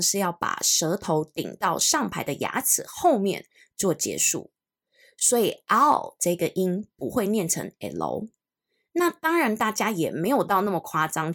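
A young woman teaches English pronunciation on a podcast. Her voice sits a little low but moves animatedly up and down. She patiently slows down to model each phrase for repetition. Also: creaky, fairly bright tone.

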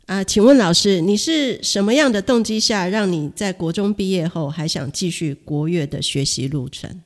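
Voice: medium pitch, normal speed. A host asking curious, teasing questions in a casual interview.

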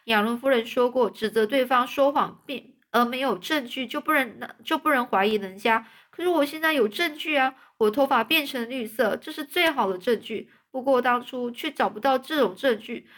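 A woman's voice: high voice, a little fast, a bit bright, voice pushed up. A woman doing Anne, a dramatic orphan girl. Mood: earnest. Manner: emotional, pleading, breathless rush of words. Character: dramatic talkative orphan girl, about thirteen. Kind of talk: storybook reading.

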